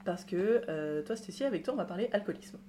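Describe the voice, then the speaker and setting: A woman's voice: medium pitch, expressive, a little fast, mellow, slight background noise. A woman hosting a podcast interview in a chatty, conversational way, with fillers. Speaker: podcast host.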